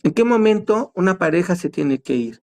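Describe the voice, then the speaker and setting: A man speaks as a therapist guest in a casual talk show. His voice sits a little high for a man. He reasons out loud and keeps asking himself rhetorical questions. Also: lively intonation, normal speed, creaky. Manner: explanatory, rhetorical questions, quotes others.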